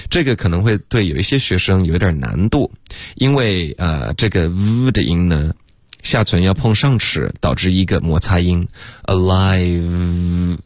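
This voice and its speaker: Low-voiced male pronunciation teacher, dry close sound, breaks English phrases down slowly for radio learners. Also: darkish tone, no echo. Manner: explains in Mandarin and demonstrates English phrases slowly, syllable by syllable. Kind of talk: radio English lesson, co-hosted.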